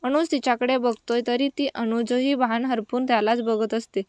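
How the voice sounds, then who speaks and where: Smooth-voiced woman storyteller. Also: on the high side, steady tone, moderate pace, a little mellow, dry recording. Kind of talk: read-aloud story narration.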